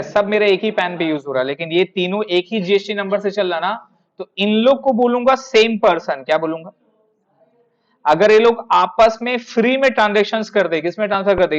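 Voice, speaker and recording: A man teaching a classroom tax lesson, telling a lively story and addressing students as sir. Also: high-pitched, dull audio. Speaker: tutor. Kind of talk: classroom lecture with anecdote.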